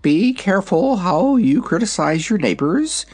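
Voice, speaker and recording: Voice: mid-range voice, very animated, unhurried, darkish tone, breathy edge, pitched above the performer's own voice. A storybook reader voicing a proud, hungry young dragonette in a lofty, matter-of-fact manner. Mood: haughty.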